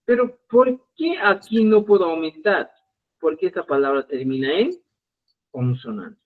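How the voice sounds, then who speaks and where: This Quechua teacher, heard on a tinny live stream that sounds like a phone, has a high, animated voice and takes his time. He walks his students through the material step by step and keeps checking in with them.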